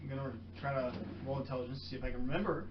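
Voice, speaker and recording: A man's voice: medium pitch, very fast, roomy sound, muffled recording, very noisy. A man playing a tabletop role-playing game, chatting casually with the group. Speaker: player.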